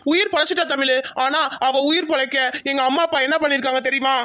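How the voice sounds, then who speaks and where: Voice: sits high, fairly even intonation, quick pace, pushed and bright, no echo. A performer voicing a troubled young village man in a cartoon, hesitant and then reassuring. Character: young village man torn between love and family. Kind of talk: cartoon voice acting.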